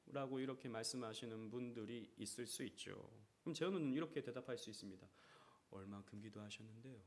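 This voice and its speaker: A man's voice: mid-range voice, fast talker, vocal fry, a little hiss or hum. A man preaching a sermon as pastor, acting out quoted prayers and voices. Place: church sanctuary.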